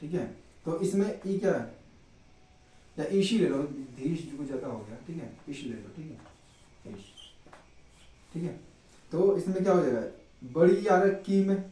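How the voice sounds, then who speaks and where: A man's voice: fairly high pitch, expressive, unhurried, pauses often, mellow, reverberant, recorded from a distance, rough recording. A man teaching a grammar lesson, asking questions and answering them himself and checking in often with his students.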